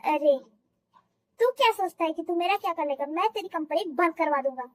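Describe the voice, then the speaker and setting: A young woman voicing a rival businessman in a fan audio drama. He taunts and threatens bluntly. The voice sits very high, even for a deepened put-on tone. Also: brisk. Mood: threatening.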